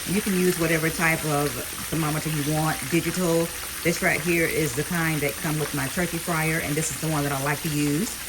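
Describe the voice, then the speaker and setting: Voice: mid-range voice, flat delivery, a little fast, background noise. A home cook giving a casual, plainspoken step-by-step cooking tutorial, repeating the key points. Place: home kitchen beside frying food. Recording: loud frying sizzle over the voice. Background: sizzling oil and kitchen sounds.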